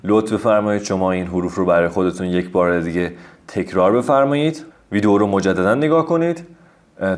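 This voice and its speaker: Guy teaching a lesson over slides, kinda low voice, patient, stretches out letters when spelling. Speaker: language teacher.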